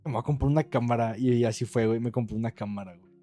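Mellow young Mexican man, slangy streamer. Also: mid-range voice, racing. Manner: slangy, swearing. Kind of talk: casual chat on a livestream.

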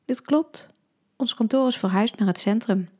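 A gentle, friendly young woman speaks in a soft, kind way, pitched higher than her reader's own voice, as a woman narrator puts her on. The tone stays mellow and dark, with a faint huskiness. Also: normal speed, slightly rough.

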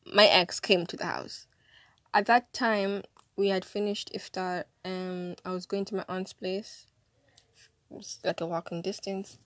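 A woman's voice: medium pitch, steady tone, a little slow, a bit bright, no room sound. A young woman telling a casual storytime, chatty and dramatic, sounding drowsy and hungover. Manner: chatty, dramatic, acts out quotes. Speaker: storyteller vlogger.

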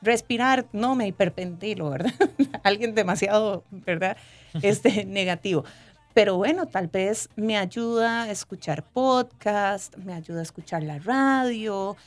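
A woman's voice: medium pitch, a little slow. Woman explaining, "¿verdad?" habit. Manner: frequent tag question "¿verdad?", warm explanatory tone. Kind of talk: casual explanatory chat.

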